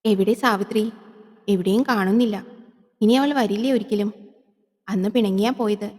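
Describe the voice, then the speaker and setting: A woman's voice: medium pitch, normal speed, a little mellow, close to an everyday voice. A woman plays a simple, timid village man who speaks fearfully and hesitantly in a horror audio drama. A long hall reverb trails each line. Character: timid, simple-hearted male village servant.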